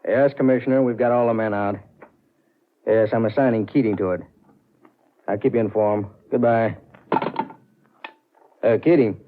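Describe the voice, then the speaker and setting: A man playing a brisk, authoritative police inspector in a 1940s radio drama, clipped and businesslike. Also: fairly low pitch, fairly even intonation, background noise, close to an everyday voice. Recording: narrow, muffled vintage radio recording.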